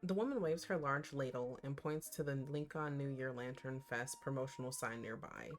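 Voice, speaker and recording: An expressive, playful woman doing casual, slangy reaction commentary and reading game text aloud. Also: extremely low pitch, moderate pace, soft background music. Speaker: reaction host.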